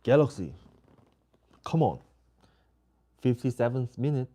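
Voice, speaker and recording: A tired man chatting through a live soccer match from home, rambling between plays and jumping up in excitement at chances, with an air conditioner running in the room. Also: medium pitch, unhurried. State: tired, yawning. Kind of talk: casual live watch-along commentary. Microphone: home mic without noise canceling. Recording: faint air-conditioner hum behind. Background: air conditioner hum.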